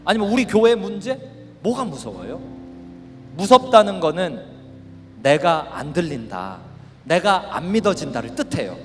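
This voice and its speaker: A middle-aged male pastor preaching at a youth camp, animated and shouting at the peaks. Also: on the high side, moderate pace, pauses often. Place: large worship hall. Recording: reverberant hall with faint music.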